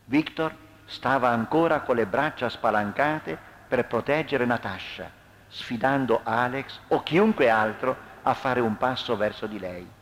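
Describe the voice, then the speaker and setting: A man narrating a true testimony as an expressive dramatic reading. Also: mid-range voice, a little slow. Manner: expressive, acts out quoted lines.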